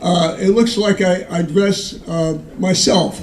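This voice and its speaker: A man doing stand-up in a zany, halting, old-fashioned borscht belt style, telling corny one-liners. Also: high-pitched, steady tone. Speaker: stand-up comedian. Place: live comedy show before an audience. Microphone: far from the recording mic. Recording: distant echoey live room with audience noise.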